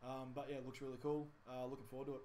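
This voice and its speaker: A man's voice: medium pitch, level tone, rapid-fire, warm tone. A young man co-hosting a gaming podcast in casual chat, rambling with plenty of ums and self-corrections.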